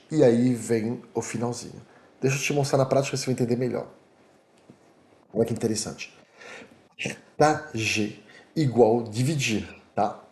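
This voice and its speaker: Animated French man teaching, echoey room. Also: medium pitch. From Paris, France. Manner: animated, repeats "tá?" to check understanding. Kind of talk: online language lesson.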